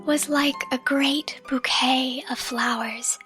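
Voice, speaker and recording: With a high-pitched, steady tone, a woman voices a sweet catgirl girlfriend soothing her partner to sleep, speaking softly and breathily, often in a whisper. She sounds tender, gentle, unhurried and reassuring, with a gentle storytelling mood, in an ASMR bedtime roleplay mixed with slow storybook reading, recorded close to the mic over soft music.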